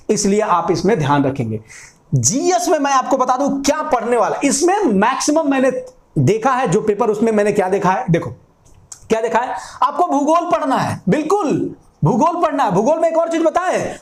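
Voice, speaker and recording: A man's voice: high-pitched, reverberant. A young man teaching an exam-prep class at a whiteboard, often repeating key points and asking and answering his own questions. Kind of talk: classroom lecture.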